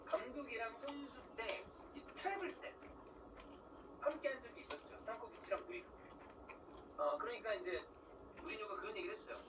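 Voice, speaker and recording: A man's voice: high-pitched, expressive, moderate pace, pauses often, far from the mic, background noise. A man hosting his own video, chatting casually about football while chewing a mouthful of food, explaining things and tossing rhetorical questions to viewers. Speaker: vlog host.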